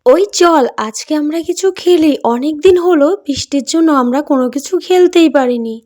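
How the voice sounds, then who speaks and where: A woman's voice: high voice, moderate pace, a little mellow, natural voice. Woman doing a cheerful little doll girl. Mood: eager.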